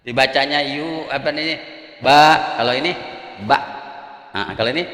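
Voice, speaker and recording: A man's voice: on the high side, normal speed, a bit bright. A man with an Indonesian accent teaching a Quran recitation lesson, patiently sounding out syllables one at a time and chanting the examples. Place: religious gathering hall. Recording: echoey hall.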